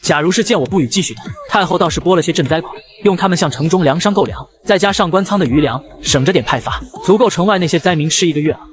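A man voicing a scheming, greedy palace eunuch official who mocks as he plots, reading the lines fast in a comic recap. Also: fairly high pitch, lightly acted. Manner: mocking and scheming.

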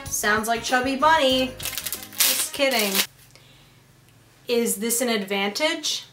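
Slow, deadpan woman. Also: on the high side. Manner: deadpan, unenthusiastic jokes. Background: background music.

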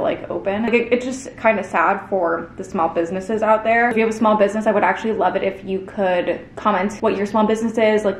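Gadatliwa młoda kobieta w pogłosowym pokoju. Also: female voice, medium pitch, reverberant, slight background noise. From Canada. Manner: chatty, upbeat, many "like" fillers. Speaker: vlogger. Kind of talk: casual vlog chat to camera. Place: apartment at home.

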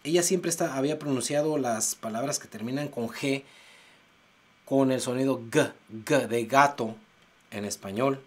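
Man teaching pronunciation. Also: mid-range voice. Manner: exaggerated slow demonstrations of sounds. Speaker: English teacher. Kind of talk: pronunciation lesson. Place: United States.

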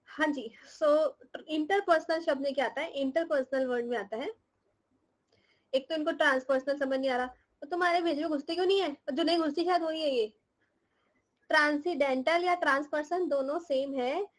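High-voiced woman teacher scolding her class. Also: moderate pace, rough recording. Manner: scolding, teasing students with questions; laughs often while explaining. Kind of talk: live class lecture in Hindi mixed with English.

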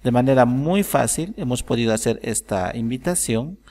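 A man calmly explaining a software tutorial step by step, thinking aloud as he works. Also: mid-range voice, normal speed. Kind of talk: screen-recorded software tutorial.

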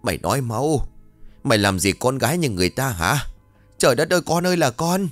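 A man's voice: medium pitch, sing-song, a little fast, dry recording, soft background music, pitched above the performer's own voice, close to an everyday voice. A man voicing an angry middle-aged village mother who wails and scolds her son. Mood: furious scolding. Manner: scolding, wailing.

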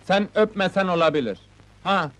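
An actor playing a naive, bumbling young groom in a comedy film, wheedling and cheeky. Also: male voice, sits high, lively intonation, normal speed, a bit bright. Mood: pleading. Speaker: comic film lead. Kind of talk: 1970s comedy film acting. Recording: hissy old film soundtrack.

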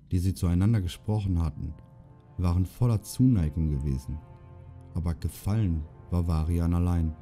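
A man narrating an amateur audiobook in a steady, measured reading. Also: low voice. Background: faint music.

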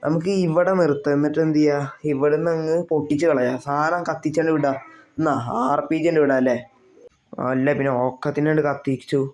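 Animated young man, gameplay commentary. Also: on the high side, brisk, slight background noise. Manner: animated, comic, often yelping and exclaiming. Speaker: gaming YouTuber. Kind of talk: gameplay commentary with role-play.

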